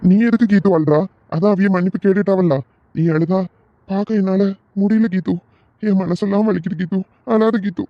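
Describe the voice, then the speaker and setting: A man's voice: high-pitched, steady tone, moderate pace, no echo. A man voicing an earnest young village man who stands up for his wife in a cartoon. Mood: tender. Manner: earnest, protective. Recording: dull lo-fi recording.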